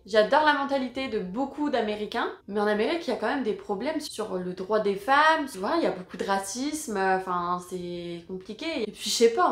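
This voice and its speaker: Chatty young French woman in an echoey room. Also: on the high side. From France. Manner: chatty, slangy, expressive. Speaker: vlogger. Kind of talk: casual Q&A vlog.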